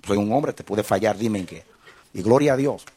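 A man's voice: fairly low pitch, moderate pace, dark tone, slightly rough. A middle-aged man preaching a sermon as a pastor, impassioned and building to emphatic peaks.

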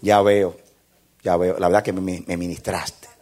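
A grateful church brother speaks in a low, hushed and apologetic way, as a preacher acts him out. His voice is a little husky and quiet, like a man who has just calmed down. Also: unhurried. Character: calmed, grateful adult male church member.

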